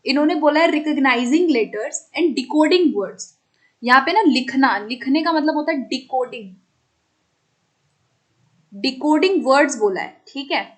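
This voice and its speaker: High-voiced woman teaching an exam class. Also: animated, slow pace. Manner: explains step by step, checks on students with repeated questions; mixes English terms into her talk. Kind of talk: online exam-prep class.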